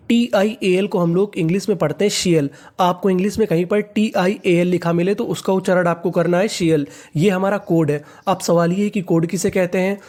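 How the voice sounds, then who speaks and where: A man with a high, slightly mellow voice leads an English reading class. He spells each word, asks what it reads as, supplies the answer, then says it slowly again and again.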